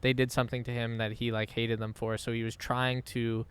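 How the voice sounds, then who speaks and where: Smooth-voiced young man telling stories. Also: mid-range voice, flat delivery, fairly quick, fairly bright tone. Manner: rambling storyteller, heavy slang and fillers. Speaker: podcast co-host. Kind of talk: casual chat.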